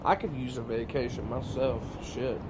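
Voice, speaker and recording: A man's voice: medium pitch, fairly even intonation, normal speed, very noisy. Laid-back swearing male game streamer. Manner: laid-back, swears freely, greets and answers chat viewers. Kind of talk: casual live-stream chat while playing. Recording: loud game sound under the voice.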